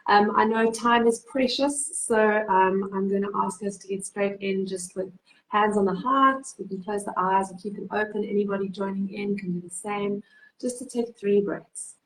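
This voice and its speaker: A woman from South Africa hosting a live online interview, speaking gently with soft guiding prompts and frequent hums. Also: medium pitch, steady tone, normal speed, low-quality recording. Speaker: host, cacao facilitator.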